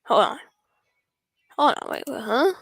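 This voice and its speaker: Bright-voiced woman muttering through a game. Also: high-pitched, sing-song, unhurried, breathy edge, no echo. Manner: chatty, talks to herself, drops into whispers; jokey, self-interrupting. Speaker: streamer. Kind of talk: casual gameplay commentary.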